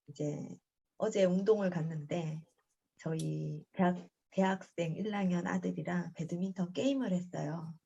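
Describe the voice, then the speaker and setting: A woman's voice: medium pitch, a little mellow, lo-fi sound. A middle-aged woman tells a personal story in a book club, acting out quoted lines with a raised voice. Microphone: video call.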